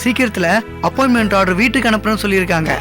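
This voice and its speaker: Man doing a calm young husband soothing his wife, music playing under. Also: high-pitched, very fast, natural voice. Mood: consoling. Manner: gentle, reassuring. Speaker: husband of Kamu. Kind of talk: Tamil TV serial acting.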